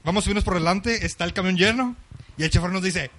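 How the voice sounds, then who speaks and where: A man's voice: sits high, a bit bright, slight background noise. A young man with a Mexican accent telling a funny story in casual podcast chat, full of slang and laughing as he talks. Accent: Mexican Spanish. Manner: rapid slangy storytelling, constant "güey", laughs while talking.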